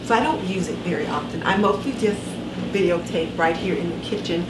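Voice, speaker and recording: A woman in her sixties vlogs casually to camera in her home kitchen, her speech slightly impeded by dental retainers. She talks a little fast with a fairly low pitch. The distant camera mic gives a roomy sound with clear background noise.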